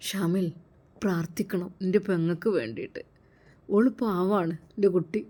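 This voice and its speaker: A woman voicing an affectionate young man, a caring elder brother who coaxes gently. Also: fairly low pitch, steady tone, moderate pace, natural voice. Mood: sorrowful. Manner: tender, coaxing.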